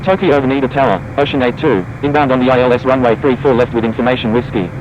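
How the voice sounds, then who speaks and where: A man's voice: mid-range voice, quick pace. A man voicing an airline pilot reading back instructions over a cockpit headset radio, with clipped, formal phrasing. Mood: calm. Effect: pilot radio call over a cockpit headset. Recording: muffled radio with clear background noise.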